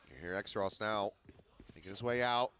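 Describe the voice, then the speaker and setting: A man's voice: fairly low pitch, normal speed, pushed and bright. A man working as an esports caster, calling live game action in clipped, running play-by-play phrases. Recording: game noise, gunfire and clicks behind. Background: video game sound effects.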